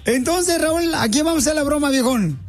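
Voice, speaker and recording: A man's voice: very high-pitched, animated, fairly quick. A man hosting a radio prank show, teasing callers in playful banter.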